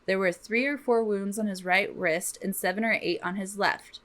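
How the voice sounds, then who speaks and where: A woman's voice: medium pitch, fairly even intonation, moderate pace, fairly bright tone. A woman co-hosting a podcast, telling a true crime story from notes in an informal, slangy way with some swearing. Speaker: podcast co-host.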